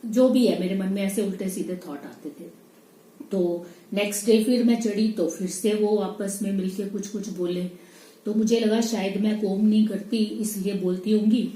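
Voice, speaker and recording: A woman's voice: mid-range voice, mellow, echoey room, rough recording. A middle-aged woman telling a personal story in casual, chatty storytelling, often voicing her own inner thoughts. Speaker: vlogger.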